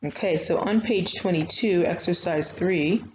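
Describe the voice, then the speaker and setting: A young woman instructor of writing, her pitch fairly low and her pace measured, teaches grammar in a recorded online lesson. She speaks patiently and conversationally with plenty of fillers, and the recording is slightly dull and lo-fi with faint noise.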